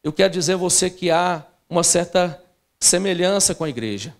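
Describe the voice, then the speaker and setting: Brisk and lively in his intonation, a high-voiced male pastor tells a personal family story during his sermon, frequently turning aside to address the congregation.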